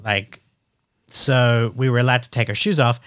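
A person with an Australian accent, chatting and telling stories in an animated way. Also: mid-range voice, normal speed, dry recording, clean studio sound. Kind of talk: casual chat.

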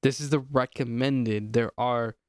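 A man chatting casually as a podcast host, working through lists aloud and tossing in jokes. His voice sits at an ordinary pitch and sounds dry and close, with no room around it. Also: steady tone, a little slow, a little mellow, clean tone, no room sound. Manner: reads lists aloud, joking. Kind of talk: casual chat.

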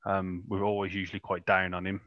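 A man's voice: deep voice, monotone, a little fast, no echo, highs cut off. Rambling man hosting a podcast. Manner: rambling, self-mocking, frequent fillers. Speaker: podcast host. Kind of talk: casual sports podcast chat.

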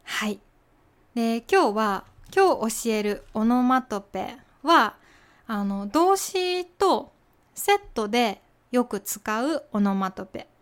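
A woman hosts a Japanese lesson podcast, speaking slowly and patiently. Her voice sits a little high, and she leans on soft fillers and example sentences. A light slips through. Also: animated. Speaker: podcast host teaching Japanese.

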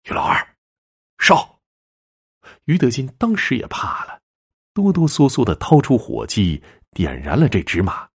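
Husky, animated male storyteller. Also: medium pitch, normal speed. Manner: lively, drawling erhua storytelling. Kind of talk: dramatic folk-tale storytelling.

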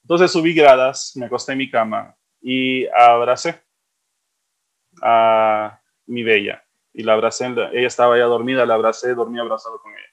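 A man's voice: mid-range voice, fairly even intonation, normal speed. A middle-aged man, telling stories in a casual chat and repeating words for emphasis. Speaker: co-host.

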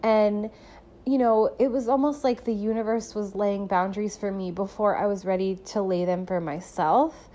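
A young woman talks through a personal story in a loose, chatty way, filling her sentences with little fillers and breaking into laughs. Her voice sits at a middling pitch for a woman. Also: fairly even intonation, moderate pace, dark tone. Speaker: podcast host and musician. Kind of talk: casual personal monologue.

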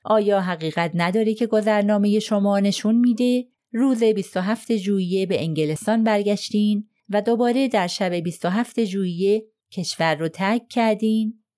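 A woman's voice: mid-range voice, dark tone, natural voice. Woman reading as a cold, firm lawyer. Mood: probing. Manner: probing, pressing questions. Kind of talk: audiobook character reading.

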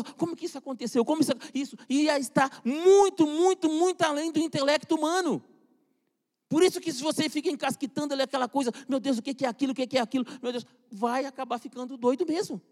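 High-voiced fervent male preacher, echoing hall. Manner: fervent, rising and falling emphasis. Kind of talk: sermon. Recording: long hall reverb.

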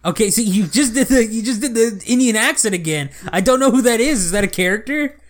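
A man co-hosts a podcast, teasing his friend with sarcastic jabs. He talks quickly, in a fairly high voice that swings widely up and down. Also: expressive, a little hiss or hum. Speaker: podcast co-host. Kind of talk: casual chat.

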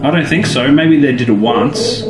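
A very animated man co-hosts a podcast at normal speed, chatting casually and playfully while reviewing a TV episode. He sometimes mimics characters in silly voices with sudden jumps in pitch. Music plays in the background of an echoey room with faint background noise.

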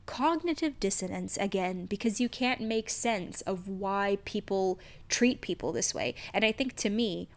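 Emphatic, candid woman in casual discussion. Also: medium pitch. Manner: emphatic, candid, swears freely. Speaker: podcast co-host.

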